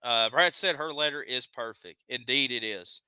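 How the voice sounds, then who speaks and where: Southern guy hosting a live stream, kinda fired up, reads chat out loud, crisp and dry. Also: medium pitch, moderate pace, no room sound. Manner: heated, reads chat comments aloud. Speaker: live show host. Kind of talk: ranting live stream commentary.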